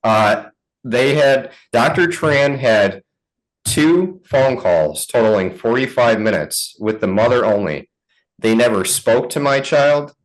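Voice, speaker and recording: A father giving an interview, recounting events in a measured, earnest way. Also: medium pitch, expressive, low-quality recording. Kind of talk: interview answers.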